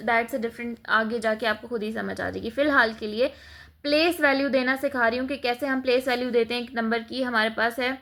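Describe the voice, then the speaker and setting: A woman's voice: on the high side, a bit bright. A woman math teacher, explaining a lesson step by step in a patient classroom manner, mixing English terms in. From Pakistan.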